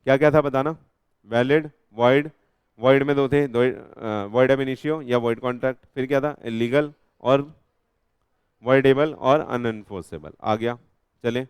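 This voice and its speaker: A man's voice: mid-range voice, takes it slowly, a little mellow, clean tone, dry recording, clean studio sound. A young man with an Indian accent teaching a law revision class, constantly quizzing students and joking with them, mixing Hindi with English legal terms. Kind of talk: live classroom revision lecture.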